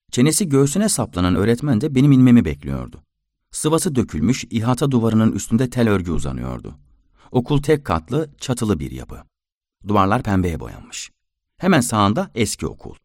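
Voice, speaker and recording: A man narrating a written story with an expressive storytelling delivery. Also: fairly low pitch, no room sound, studio quality. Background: faint instrumental music.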